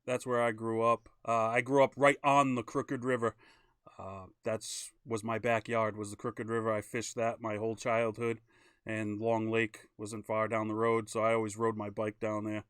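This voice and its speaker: Dude hosting a fishing live stream, smooth clear voice, dry close sound, chatty and upbeat. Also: male voice, lowish voice, level tone, moderate pace, fairly bright tone, no echo. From Maine. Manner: upbeat, chatty, plugs sponsors. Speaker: host. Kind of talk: casual live-stream interview.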